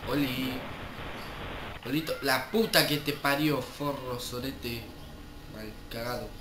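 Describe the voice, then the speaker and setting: Casting: young male gamer, Rioplatense accent, snotty head cold, unhurried slangy delivery, roomy home recording. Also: medium pitch, fairly even intonation, background noise. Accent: Rioplatense Spanish. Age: young adult. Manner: foul-mouthed, slangy. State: congested with a cold and cough. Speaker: gaming video host. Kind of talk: casual gameplay commentary. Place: indoor room at home. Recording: roomy echo, loud game music. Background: loud game music.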